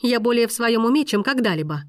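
A woman reading a novel aloud, voicing a frightened and furious young heroine in shrill angry outbursts. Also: lively intonation, fast talker, no echo, studio quality, natural voice.

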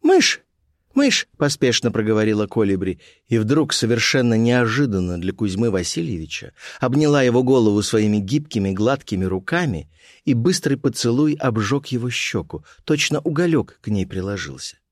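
Man reading a classic story out loud, expressive, lots of pitch movement, dry close mic. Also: moderate pace, dry recording. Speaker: audiobook narrator. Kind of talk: scripted narration of a classic story.

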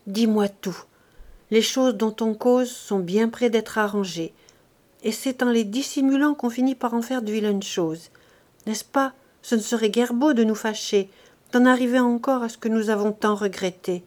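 A woman's voice: fairly high pitch, moderate pace, darkish tone, close to an everyday voice. A woman reading Pauline, tender and coaxing. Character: gentle, motherly young woman, earnest. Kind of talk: audiobook reading.

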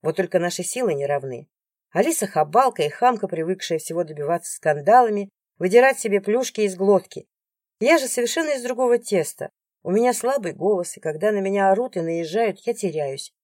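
Expressive woman narrating an audiobook. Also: medium pitch, a little fast, dry recording, clean studio sound. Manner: expressive, emotional reading. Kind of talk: first-person scripted narration.

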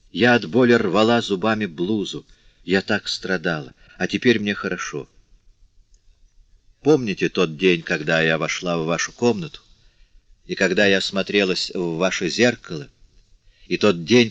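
A man's voice: low voice, fairly bright tone, no echo. A man reading the part of a dying young woman, weak and tender, speaking faintly in a dry, slightly dull audiobook recording. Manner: faint, fading speech.

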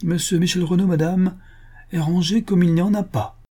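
A talkative concierge from an old storybook, deferential and eager to please, voiced by a man. He rattles on emphatically in a raised voice. The timbre stays warm and slightly husky. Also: sits high, fairly even intonation, moderate pace, voice pushed up. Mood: emphatic.

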